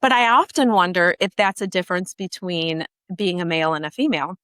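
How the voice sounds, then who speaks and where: A woman's voice: fairly low pitch, lively intonation, fairly quick, a bit bright, clear, resonant tone, no room sound. A woman co-hosting a podcast, talking candidly and laughing easily as she shares her experiences. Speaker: podcast co-host. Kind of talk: casual conversation.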